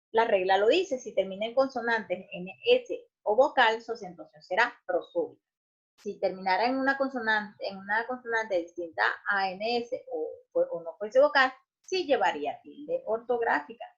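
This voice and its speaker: A woman teacher explaining grammar, checking in often with short questions and filling pauses with "este". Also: fairly high pitch, lively intonation. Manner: explanatory, checks in with "¿ok?" and "¿verdad?", frequent restarts and "este" fillers. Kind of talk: recorded grammar lesson. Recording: muffled lo-fi recording.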